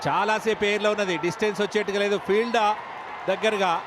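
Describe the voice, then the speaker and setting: An excited male cricket commentator calls play in short, punchy phrases. His pitch is very high, and a clearly audible crowd and noise surround the voice. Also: fast. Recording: loud crowd noise around the voice.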